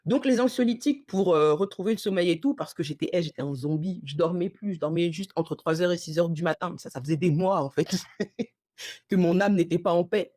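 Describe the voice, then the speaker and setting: A woman hosting a casual storytelling podcast, animated and slangy, acting out the dialogue as she tells it. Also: fairly low pitch, brisk, no room sound, studio quality. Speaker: podcast host.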